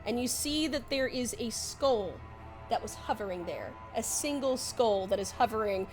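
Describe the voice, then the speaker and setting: A woman's voice: on the high side, moderate pace, a little mellow, faint music behind. A young woman running a tabletop role-playing game as game master, narrating dramatically and laughing often.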